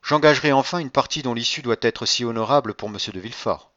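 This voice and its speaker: A man voicing a calm, cunning nobleman in an audiobook reading, measured and courteous. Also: mid-range voice, no room sound, lo-fi sound, lightly acted. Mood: composed.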